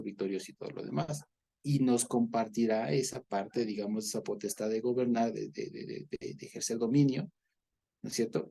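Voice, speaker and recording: A man's voice: mid-range voice, creaky, mellow, husky. A man teaching a Bible study, explaining at length, repeating words and checking in with listeners.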